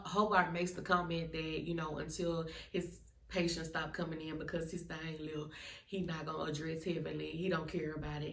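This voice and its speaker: A woman's voice: deep voice, creaky, bright, forceful tone, distant mic. A woman giving a sassy, blunt, emphatic casual review of a reality TV episode. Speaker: reality TV recapper. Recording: echoey room, off-mic.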